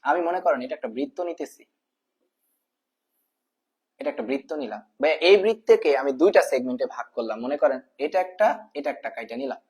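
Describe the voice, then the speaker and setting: A man's voice: mid-range voice, lively intonation, fast, long pauses, darkish tone. A man teaching a math lesson in a casual spoken way, repeating each term and asking the viewer questions, addressing them as brother. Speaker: math tutor.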